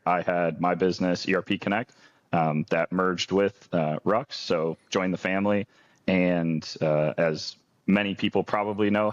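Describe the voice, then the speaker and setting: A man's voice: low-pitched, no room sound. A young man, a sales executive guest chatting casually over a headset on a video call. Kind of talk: casual chat. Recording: dry, slightly dull headset audio.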